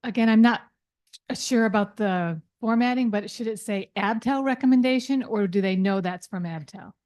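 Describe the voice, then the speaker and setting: A woman's voice: medium pitch, moderate pace, a little mellow. A woman on an advisory board politely asking a tentative question about formatting at a public meeting. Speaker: board member.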